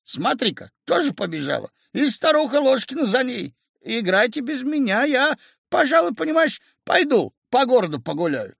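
A gossipy, sly middle-aged townsman, as a male narrator puts him on, pitched high and swinging through a lively melody. He muses aloud in a chatty, knowing way, close and dry on the mic. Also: normal speed, creaky, husky, no echo, heavily acted.

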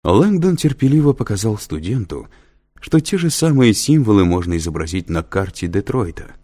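A man narrating an audiobook in an expressive storytelling manner. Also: lowish voice, moderate pace.

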